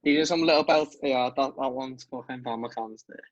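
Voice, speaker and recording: A man's voice: mid-range voice, moderate pace, highs cut off, over a noisy crowd. A man with a Liverpool accent telling sweary anecdotes in casual podcast chat. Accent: Liverpool (Scouse).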